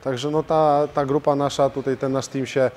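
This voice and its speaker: In a martial arts gym, a man answers an interviewer's questions at a normal speed and medium pitch. He's a professional fighter and coach, and his steady replies come with frequent hesitation fillers.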